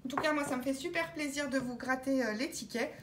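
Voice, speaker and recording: A woman vlogger talking through her scratch-card tickets, calmly spelling out letters one by one as she checks each word, with scratching sounds behind her. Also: high-pitched, brisk, noisy background. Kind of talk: casual narration while scratching tickets.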